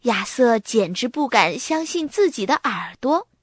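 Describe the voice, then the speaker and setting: A woman narrating a picture book to young children in a lively storytelling manner. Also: on the high side, unhurried, husky, no room sound, studio quality.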